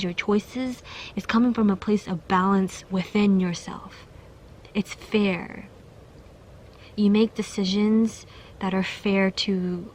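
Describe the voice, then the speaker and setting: A woman's voice: mid-range voice, a little mellow, slight background noise. A young woman giving a casual pick-a-card tarot reading, chatty and giggly, with many fillers and restarts. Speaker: tarot reader.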